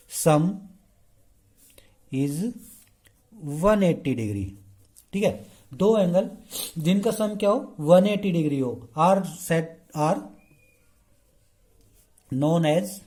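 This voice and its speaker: Mellow-voiced man teaching a math class. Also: a little high, lively intonation, extremely slow, long pauses. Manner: mixes Hindi with English terms, asks the class rhetorical questions and answers them; keeps checking in with the class by saying "okay" again and again. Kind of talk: explaining a lesson.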